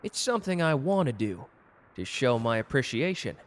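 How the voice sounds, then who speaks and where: With a sing-song lilt, a man speaks in a natural mid-range voice at normal speed. Friendly and teasing, he plays a cocky, gallant, protective customer flirting in a romantic roleplay audio drama, keeping the one-sided conversation suave and intimate.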